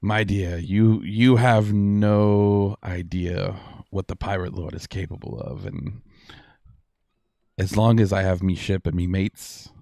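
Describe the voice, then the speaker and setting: A man voicing a swaggering, ruthless male pirate lord in a tabletop game, talking in a smug, drawn-out, menacing way. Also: sits low, fairly even intonation, gravelly, warm tone, no echo, clean studio sound, exaggerated voice.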